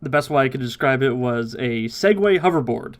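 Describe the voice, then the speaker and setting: Man, podcast host, casual chat, animated recap, mid-pitched voice, playful impressions. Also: brisk. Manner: animated, mimics characters' voices while recapping.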